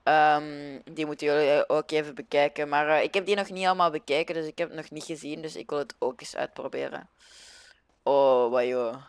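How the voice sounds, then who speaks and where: A man's voice: on the high side, little pitch movement, fairly quick, hardly any pauses, clean tone, dry recording. A young man with a Flemish accent giving casual, hesitant commentary over a video game, often searching for his words. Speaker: gaming video host.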